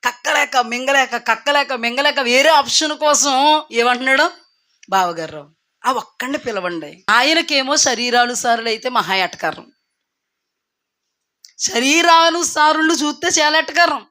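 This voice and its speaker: A woman preaching a sermon who tells the story lively, asks the congregation rhetorical questions and acts out the characters' lines. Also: high-pitched, unhurried. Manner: lively, acts out biblical characters in quoted voices.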